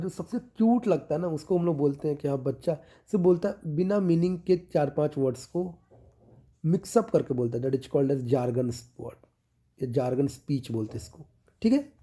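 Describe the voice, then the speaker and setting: Deep-toned man explaining in measured lecture style. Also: mellow. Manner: explanatory, checks in with "theek hai" after each point; slows and drops to stress key terms. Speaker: medical exam tutor. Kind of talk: lecture teaching with mnemonics.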